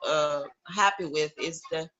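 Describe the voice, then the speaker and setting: A woman from Costa Rica with a Costa Rican Spanish accent, speaking English as a guest in a remote interview, halting, with many pauses and restarts. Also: deep voice, bright, forceful tone, dull audio.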